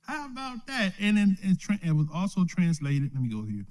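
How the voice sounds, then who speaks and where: This elder speaks fairly quickly in a high, darkish voice whose pitch swoops wildly. He teaches an informal Bible lesson streamed live from his home or a small study, checking in with "right?" after most points and chuckling frequently.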